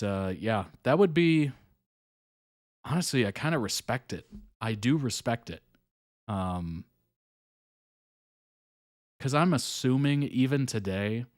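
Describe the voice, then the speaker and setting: This young adult man hosts a live reaction stream, chatting casually and thinking aloud with fillers and small chuckles. His mid-range voice comes through a dry, clean studio recording.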